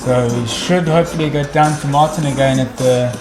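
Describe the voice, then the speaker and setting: A man's voice: medium pitch, a little fast, reverberant, music in the background. A man co-commentating a motorbike race in a laid-back, bantering way.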